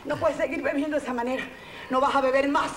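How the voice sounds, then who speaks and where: A high-voiced Cuban woman, intense and desperate, begging and cursing as she foresees a death, played by an actress in a film. Her voice sits well above most women's. Steady background noise hisses under the film audio. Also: fast talker, reverberant, natural voice, poor audio. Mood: pleading, scolding. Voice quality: emotional, pleading, swearing often. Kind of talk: film drama acting.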